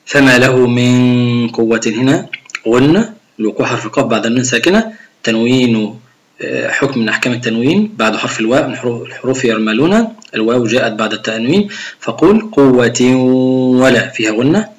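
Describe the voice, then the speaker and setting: Arabic religion teacher coaching young pupils. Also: male voice, medium pitch, expressive, quick pace. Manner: explains rules step by step and demonstrates pronunciation; addresses pupils directly and encourages them. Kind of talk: recorded video lesson on Quran recitation.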